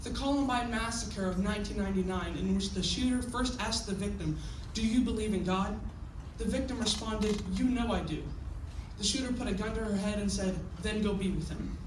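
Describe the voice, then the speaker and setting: A man's voice: high voice, a little fast. A young teenage American boy delivering a memorized persuasive speech in a stiff, rehearsed way. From United States. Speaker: speech contestant. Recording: echoey room, distant mic, faint noise.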